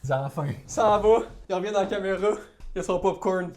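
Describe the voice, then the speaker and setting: A woman's voice: medium pitch, a little fast, noisy background. A woman with a Québécois accent chatting casually and jokingly while reacting to videos. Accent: Québécois French. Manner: laid-back, jokey, slangy. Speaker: co-host of a reaction channel.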